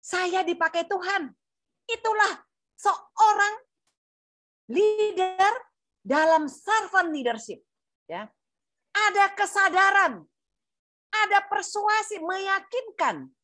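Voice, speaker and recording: A woman's voice: very high-pitched, expressive, slow, pauses often, fairly bright tone, dry recording. A middle-aged woman giving a testimony sermon, acting out both sides of conversations and asking the audience questions. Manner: addresses audience directly, asks rhetorical questions. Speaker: speaker at a church leadership event.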